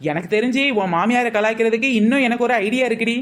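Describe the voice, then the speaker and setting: A woman's voice: a little high, fast, close to an everyday voice. A woman playing a scheming young village shopkeeper selling hair oil in a scripted comedy skit, with sly, wisecracking sales patter.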